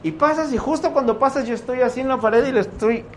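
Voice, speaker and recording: A man with a Mexican accent teaching a youth Bible class, lively and constantly checking in with his listeners. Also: very high voice, fast talker, slight background noise. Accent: Mexican Spanish. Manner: animated, keeps asking "¿sí?" to check his listeners. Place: room with a live class.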